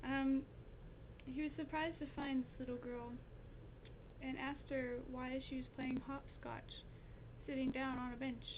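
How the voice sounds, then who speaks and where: A high-voiced young woman improvises a silly story with a friend, laughing as she goes. The audio is thin and phone-like. A faint hiss sits underneath. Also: little pitch movement, measured pace, pauses often. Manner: giggly, playful, trading lines.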